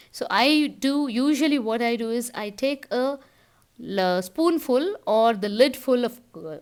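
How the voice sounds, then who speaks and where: A woman with an Indian Tamil accent hosting a casual how-to vlog, explaining things step by step in an instructive way. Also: medium pitch. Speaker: home-tips vlog host.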